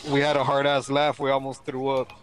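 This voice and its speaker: A man's voice: mid-range voice, completely flat delivery, a little fast, slight background noise. A man chatting casually with a friend, laughing so hard he is breathless and has the hiccups. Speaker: gaming video co-star. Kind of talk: casual chat between friends.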